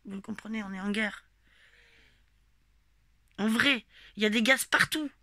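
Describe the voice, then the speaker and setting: A woman telling her listeners about a protest in a loose, rambling, animated way, swearing often and speaking to them directly. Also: medium pitch, a little slow, no room sound, studio quality. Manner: animated, emphatic storytelling with frequent swearing. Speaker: gilet jaune protester recounting a march. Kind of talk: casual spoken personal account.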